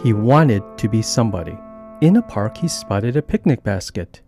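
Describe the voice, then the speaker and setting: A man narrating an animated children's story, reading in an animated, expressive way. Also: lowish voice, normal speed. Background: background music.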